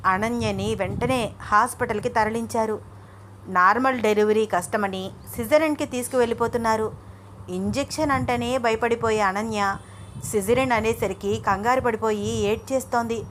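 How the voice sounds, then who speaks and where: A woman storyteller narrating a romantic family story in a steady, expressive reading voice. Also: on the high side, normal speed, a little hiss or hum.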